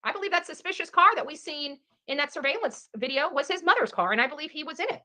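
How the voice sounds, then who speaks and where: A woman comments on a true crime case in livestream style, mixing in casual chat; she is emphatic and keeps repeating her phrases. Her voice is high-pitched and sharp, her intonation lively, and she speaks fast.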